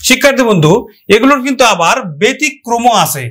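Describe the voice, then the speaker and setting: A man teaching an online grammar lesson. He asks questions, answers them himself, and stretches out each example word slowly. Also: extremely high pitch, very animated, a bit bright. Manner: slow, drawn-out pronunciation of example words.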